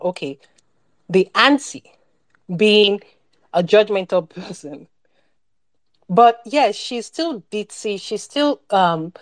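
A woman's voice: medium pitch, no echo. A woman co-hosting a podcast, talking casually about a film, rambling with many restarts and fillers. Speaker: podcast co-host.

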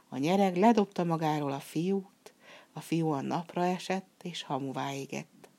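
Low-voiced woman reading a fairy tale. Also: a little mellow. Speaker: storyteller.

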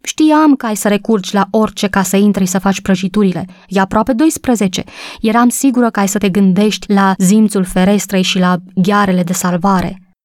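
A woman's voice: darkish tone, no echo, lightly acted. A woman reading a storybook voices an agitated housewife close to tears, talking breathlessly. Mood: flustered. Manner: breathless, high-strung, tearful.

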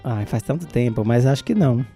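Man, Brazilian accent, casual chat, bouncy intonation, fast, expressive exclamations. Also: mid-range voice, vocal fry, soft background music. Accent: Brazilian Portuguese.

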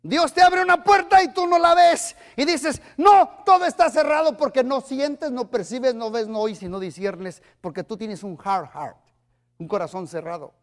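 A man's voice: high-pitched, a little mellow. An older man preaching as a pastor, emphatic and repetitive, leading the congregation in call-and-response. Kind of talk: energetic Pentecostal-style sermon.

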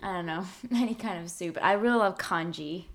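A young woman from Canada chatting casually, slow and thoughtful with many fillers. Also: fairly low pitch, slight background noise. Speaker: conversation card game player. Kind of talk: casual chat.

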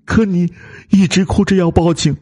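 A man's voice: high voice, steady tone, moderate pace, darkish tone, slightly rough, no room sound, clean studio sound, voice pushed up. A man voicing a terrified, guilty middle-aged driver who stammers and sobs as he confesses. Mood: sobbing confession. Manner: stammering, sobbing, begging.

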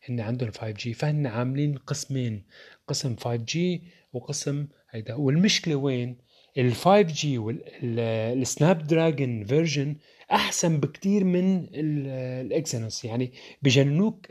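A man's voice: mid-range voice, a little fast, a little mellow, husky. A young man with a Levantine Arabic accent, giving his opinions on phones in casual, rhetorical talk that speaks straight to viewers. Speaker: tech reviewer.

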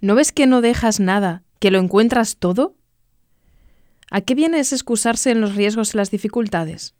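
A woman narrating a devotional story in a calm, persuasive way, slowing down for emphasis. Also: medium pitch, no room sound, studio quality. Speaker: narrator and spiritual guide.

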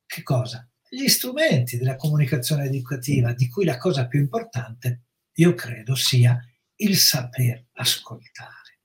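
A middle-aged man, a psychologist, explaining with measured, reflective pacing in an educational talk. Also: mid-range voice, sing-song. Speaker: psychologist guest.

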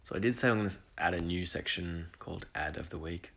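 A man's voice: sits low, quick pace, gravelly, fairly bright tone, breathy edge. A man hosting an education podcast alone, talking enthusiastically and rambling with restarts and asides. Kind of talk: solo podcast monologue.

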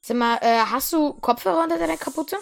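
A woman playing a fussy schoolteacher who keeps stumbling over um and uh in a comedy role-play. Her voice sits a bit high. She sounds stern but muddled. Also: quick pace, gravelly. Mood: flustered, stern. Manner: hesitant, lots of um and uh.

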